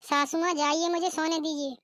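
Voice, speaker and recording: A woman's voice: high-pitched, flat delivery, moderate pace, fairly bright tone, dry recording, clean studio sound. A woman voicing a rude, defiant young daughter-in-law in a cartoon, talking back with arrogance. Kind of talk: cartoon voice acting.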